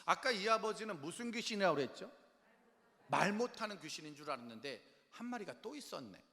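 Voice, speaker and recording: A man preaching a revival sermon as pastor, swinging between loud exhortation and quiet low lines and firing questions at the congregation. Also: sing-song, a little fast, gravelly. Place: large church worship hall. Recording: long church hall reverb.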